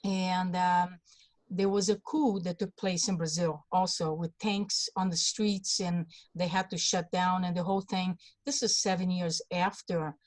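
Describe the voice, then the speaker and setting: Older Hungarian-born woman, halting storyteller. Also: on the low side, level tone, no echo. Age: 60s. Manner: halting, many fillers and restarts. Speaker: guest, congressional candidate. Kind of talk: personal story in an interview.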